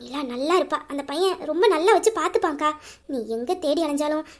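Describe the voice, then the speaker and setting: Woman doing a middle-aged lady pleading softly and earnestly, high voice, audio drama. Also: fast, natural voice.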